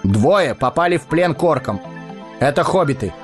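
A man's voice: on the high side, expressive, normal speed, music in the background, lightly acted. An actor playing a noble warrior and heir to a throne who speaks solemnly and declaims his lines. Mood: grave. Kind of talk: audio drama acting.

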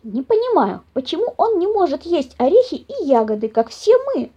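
A woman's voice: high-pitched, lively intonation, normal speed, mellow, pitched above the performer's own voice. A woman voicing a polite, earnest little mouse boy who gets indignant easily. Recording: dull lo-fi audio.

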